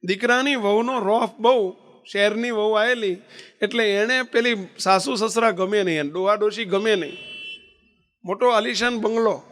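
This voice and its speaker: A man's voice: high-pitched, normal speed, a bit bright. A man delivers a sermon. He tells a homely parable in a folksy way, briefly taking on the voices of an old father and a small boy as he goes. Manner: folksy storytelling, acting out the old father and grandson. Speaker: swami preacher.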